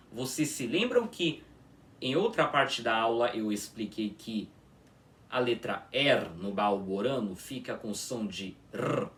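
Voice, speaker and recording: A man teaching a pronunciation lesson, demonstrating each sound slowly and checking in with his students. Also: mid-range voice, a bit bright, recorded from a distance. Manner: drawn-out patient demonstrations, frequent "tá?" checks. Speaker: language teacher.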